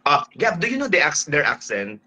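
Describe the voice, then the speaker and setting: A man's voice: a little high, wildly swooping pitch, moderate pace, noisy background. A man with a Northern Samar Waray accent hosting a casual live stream, playful and teasing as he keeps switching topics. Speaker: host.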